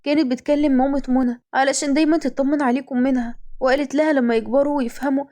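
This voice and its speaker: A woman with an Egyptian accent voicing a gentle young woman who speaks softly and earnestly. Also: high voice, steady tone, very fast, close to an everyday voice.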